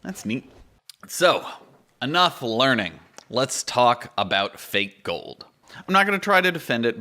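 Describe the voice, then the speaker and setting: Male gaming YouTuber, twenties: crisp-edged bright delivery, mid pitch, informal explainer, conversational with punchy emphasis, close-miked. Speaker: YouTube gaming guide host. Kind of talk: informal explanatory video commentary. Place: small indoor home studio. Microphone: close microphone on boom arm.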